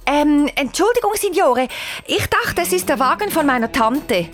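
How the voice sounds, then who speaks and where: A woman's voice: big pitch swings, moderate pace, soft background music. Cheyenne, a woman doing a stammering young girl. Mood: nervous. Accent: Swiss German. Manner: high, stammering and breathless. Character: excitable young girl, quick and bold.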